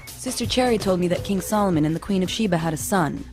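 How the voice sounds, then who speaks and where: A woman narrating a documentary with a calm storytelling delivery. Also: on the low side, quick pace. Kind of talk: scripted narration. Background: loud music.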